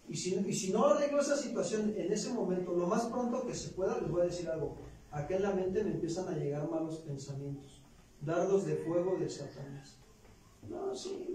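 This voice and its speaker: Mexican man preaching a chatty sermon, a bit higher voice, mellow tone. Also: a little hiss or hum. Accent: Mexican Spanish. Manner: conversational preaching with rhetorical questions. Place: church. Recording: very echoey church room, voice from far off.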